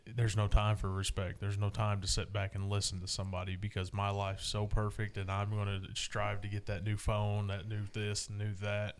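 A man co-hosting a church men's podcast, speaking earnestly and trailing off softly at the ends of his lines. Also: lowish voice, completely flat delivery, moderate pace, hardly any pauses, clear, resonant tone. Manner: earnest, drops to a soft murmur at the ends of lines. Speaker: podcast co-host. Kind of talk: casual chat.

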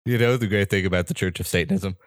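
A man's voice: sits low, fast, no room sound, clean studio sound. A young man co-hosting a casual podcast, tossing in wry, sarcastic remarks. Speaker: podcast co-host. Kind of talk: casual chat.

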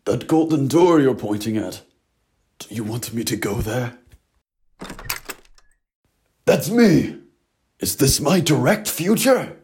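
A man acting Scrooge in a hobby audio drama, pleading and shouting dramatically. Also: mid-range voice, very animated, takes it slowly, pauses often. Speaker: amateur voice actor playing Scrooge.

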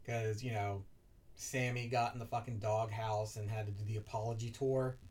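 A woman's voice: a bass voice, steady tone, moderate pace, a little mellow, recorded from a distance. A woman co-hosting a podcast in casual chat, making dry, crude wisecracks. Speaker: podcast co-host.

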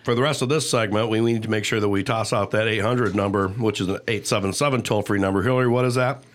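A man's voice: on the low side, fairly even intonation, fast talker. A man hosting a radio show in the studio, chatting casually and joking with guests.

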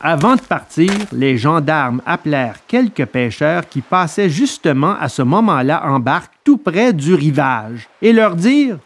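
A male narrator reading a classic children's tale aloud. His delivery is steady and expressive. His voice sits a touch above average pitch for a man. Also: a little slow, hardly any pauses.

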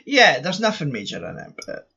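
A Scottish man with a fairly high, forceful, bright voice chats bluntly on a podcast, ranting and swearing without holding back. The sound is a bit dull and lo-fi. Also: huge pitch swings, moderate pace, creaky, husky. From Scotland. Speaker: podcast co-host. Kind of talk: casual chat.

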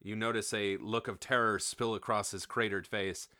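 A man narrating a tabletop game as game master, relaxed, with frequent fillers. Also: lowish voice, normal speed, no room sound, clean studio sound.

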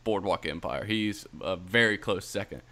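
A man's voice: low voice, animated, normal speed, sharp tone. A man co-hosting a podcast in casual banter, rambling with frequent restarts and laughs. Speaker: podcast co-host.

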